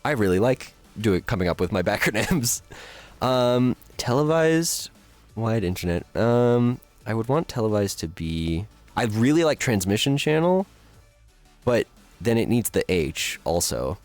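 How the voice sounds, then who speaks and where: A man's voice: on the low side, big pitch swings, measured pace, a little mellow, faint music behind. A man streaming live, chatting casually with viewers and thinking aloud as he builds.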